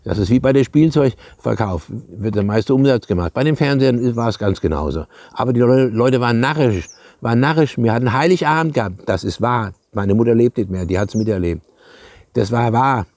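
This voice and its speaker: An older former TV repairman spins casual workshop anecdotes in a dark, mellow voice. He rambles chattily and calls his viewers comrades. The lapel-mic sound is close and dry. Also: medium pitch, lively intonation, brisk, no echo. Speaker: retired radio and TV technician. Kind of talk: casual anecdotal storytelling to camera.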